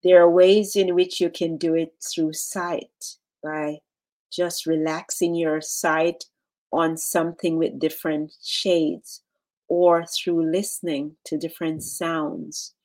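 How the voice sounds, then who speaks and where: A woman coaching in a measured, instructional way, leaving pauses as she guides a relaxation exercise. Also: low voice, flat delivery, darkish tone. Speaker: relaxation and mental fitness coach.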